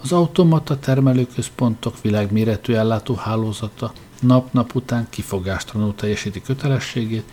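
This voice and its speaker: Low-voiced male audiobook narrator. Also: few pauses, mellow, a little hiss or hum. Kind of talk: audiobook reading of science fiction.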